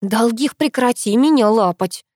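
A woman reading an audiobook who voices a sharp-tongued, flustered young woman with raised, exclamatory lines. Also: fairly high pitch, measured pace, no room sound, studio quality. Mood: yelling. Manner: loud, mocking, exclamatory.

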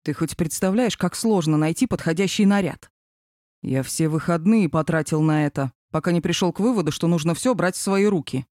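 A man's voice: fairly high pitch, a little fast, a little mellow, no echo, studio quality, natural voice. A woman reading an audiobook, voicing a brash, teasing male coworker. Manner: cheeky, teasing.

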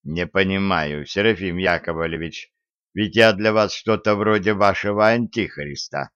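A man voicing a cold, eerie male visitor from another world who speaks slowly and quietly in an audiobook. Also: sits low, clear, resonant tone, no echo. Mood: calm. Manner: slow, quiet and measured. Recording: dry, slightly dull audiobook recording.

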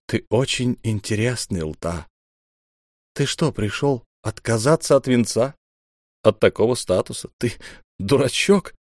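A man voicing an aloof, weary sovereign who speaks slowly and quietly. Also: medium pitch, animated, dry recording, studio quality. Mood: cold. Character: cold, weary male sovereign, aloof and sad.

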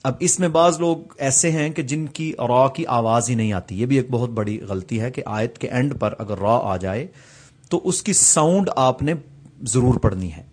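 A man, teaching tajweed, who slowly draws out each recited word and patiently explains common mistakes between the phrases. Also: medium pitch, a little mellow, husky. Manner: slow, drawn-out recitation of each word, repeated for practice.

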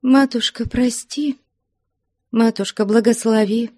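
Woman doing a shrill, jealous young woman. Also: steady tone, takes it slowly, dry recording, clean studio sound. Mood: pleading. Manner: shouting, high-strung. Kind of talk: audiobook character voice.

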